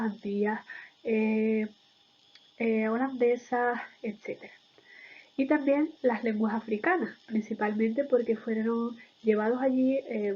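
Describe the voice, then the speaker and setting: Higher-voiced woman lecturer, dull recording. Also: slightly rough. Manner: didactic, punctuated with checking tag questions. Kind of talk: explanatory linguistics lecture.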